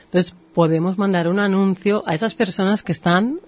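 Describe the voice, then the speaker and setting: A mid-range, slightly fast voice belongs to a marketing professional from Spain with a Spanish accent. Interviewed on a radio show, she explains patiently and draws on lively examples.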